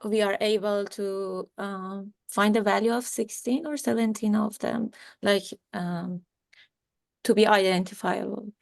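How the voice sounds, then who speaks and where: A young woman moderates a video seminar from a room at home, fielding questions and introducing speakers with plenty of filler words. Her medium-pitched voice is creaky and fairly even in intonation, and she speaks unhurriedly. The video-call audio sounds dry.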